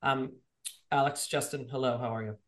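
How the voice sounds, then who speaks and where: A man's voice: medium pitch, steady tone, normal speed. A man hosting a podcast in casual, joking chat, his voice sounding echoey in the room. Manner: upbeat, joking, plugs sponsors. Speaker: podcast host.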